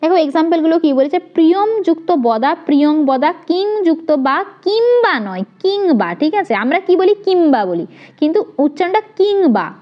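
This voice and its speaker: A woman's voice: sits high, animated, brisk. A woman teaching a grammar lesson, explaining step by step and asking questions that she answers herself. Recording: dull lo-fi recording.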